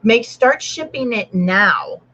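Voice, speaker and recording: A woman's voice: fairly high pitch, expressive, slow pace, sharp tone, highs cut off. A woman author hosting a casual writing stream from home, chatting and rambling with restarts and talking to her dog. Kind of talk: casual chat.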